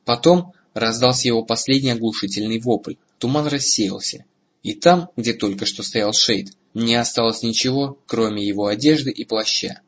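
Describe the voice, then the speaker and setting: A man narrating a fantasy audiobook in a steady, dramatic storytelling manner, with a husky voice. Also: mid-range voice, normal speed, lo-fi sound. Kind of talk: scripted narration.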